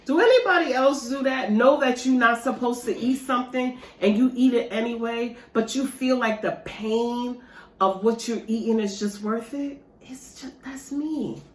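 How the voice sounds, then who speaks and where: In an echoey room, a female vlogger eats dessert at home and talks to her viewers in a casual, lively mukbang chat. Her voice is fairly high and her pace is moderate.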